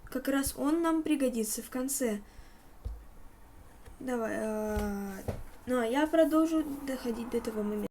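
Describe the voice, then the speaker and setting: A woman's voice: on the high side, moderate pace, long pauses, warm tone. A woman hosting a gaming video, giving casual commentary and muttering as she thinks aloud. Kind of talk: casual horror game commentary. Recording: clearly noisy recording with game ambience.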